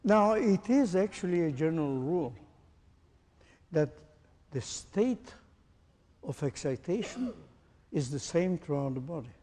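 A man's voice: a little high, big pitch swings, measured pace, pauses often, warm tone, big-room sound. A man teaching a group, asking pointed questions and demonstrating with his own body. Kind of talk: interactive lecture to a group.

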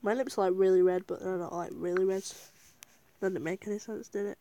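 A woman's voice: mid-range voice, steady tone, brisk, warm tone. A woman chatting casually to viewers while she plays a game, giggling often and talking herself through each step. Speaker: gaming video creator. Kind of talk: casual gameplay commentary.

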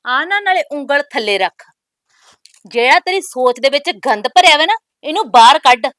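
Defiant young bride, high bright voice, dry close sound. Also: female voice, expressive, moderate pace, no echo. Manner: bold, scolding, proverb-laden retorts. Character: sharp-tongued young newly married woman, defiant. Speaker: actress. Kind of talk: village family drama acting.

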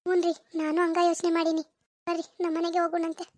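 Voicing a gentle young village wife in a cartoon, a woman speaks with a North Karnataka Kannada accent in a soothing, reassuring way. Her voice is extremely high-pitched, monotone and fast.

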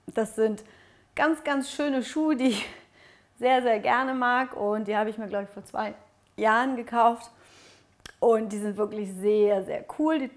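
A young woman chats easily to her viewers, her voice sitting a little high. She sounds close and clear on a clip-on mic in a bright living room, relaxed and full of small fillers. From Ukraine. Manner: friendly, chatty, many fillers. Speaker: fitness vlogger. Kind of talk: casual Q&A chat to camera. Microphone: lapel mic.

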